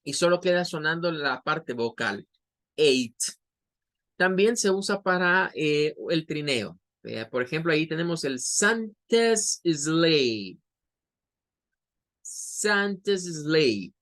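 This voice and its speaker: A man's voice: on the high side, lively intonation, moderate pace, few pauses, sharp tone. A man teaching an English pronunciation class in Spanish, patiently explaining and stretching out the example words. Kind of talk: online class lesson.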